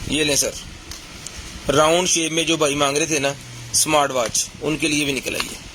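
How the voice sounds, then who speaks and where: A man with a Pakistani Punjabi accent giving an eager, repetitive live teleshopping-style sales pitch, hammering on prices over a noisy recording. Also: steady tone, moderate pace. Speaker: live online seller showing container goods.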